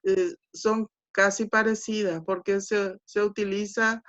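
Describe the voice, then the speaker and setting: A woman teaching an online class, speaking slowly and deliberately and checking in with short questions. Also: mid-range voice, flat delivery, fairly bright tone. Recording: dull lo-fi online class audio.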